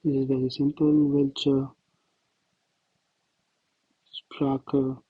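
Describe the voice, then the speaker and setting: Non-native male tutor, slow deliberate delivery, dry recording. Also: mid-range voice, monotone, husky, dry recording, lo-fi sound. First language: not German. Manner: slow, thinking aloud while writing answers. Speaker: language tutor. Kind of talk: self-study lesson walkthrough.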